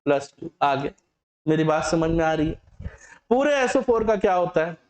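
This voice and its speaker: A man teaching chemistry in a fairly high voice, firing questions at his students and answering them himself. He teases and scolds the class as he goes, and the sound carries the echo of a bare classroom. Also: animated, normal speed, a little mellow. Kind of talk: lively classroom lecture.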